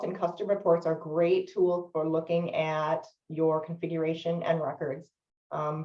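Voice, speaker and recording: Woman, software trainer, webinar training, lowish voice, frequent um fillers, roomy echo, far from the mic. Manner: steady explanatory delivery with frequent um fillers. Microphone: video call microphone. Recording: distant, roomy, dull lo-fi webinar audio.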